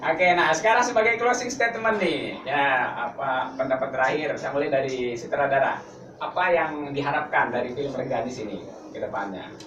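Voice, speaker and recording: A man's voice: medium pitch, normal speed. A man interviewing students and a teacher in a casual, chatty way, often laughing and teasing. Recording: roomy distant mic with noise.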